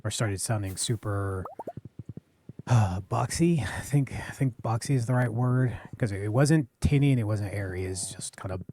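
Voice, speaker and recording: Here a man chats casually during a live stream of a farming game, his deep, warm voice kept low and his pace normal. Speaking close to a boom-arm studio mic with no echo, he rambles, corrects himself and keeps apologizing.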